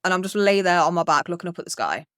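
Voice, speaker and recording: A woman's voice: fairly low pitch, animated, rapid-fire, pushed and bright, dry recording, clean studio sound. A young woman telling a rambling childhood story on a podcast, swearing freely and acting out what people said. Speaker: podcast co-host. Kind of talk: casual storytelling.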